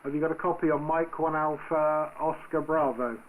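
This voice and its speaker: A man's voice: a little high, normal speed, crowd noise. A man acting as controller of an amateur radio net, speaking informally and hesitantly in radio procedure. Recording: noisy shortwave radio, steady static.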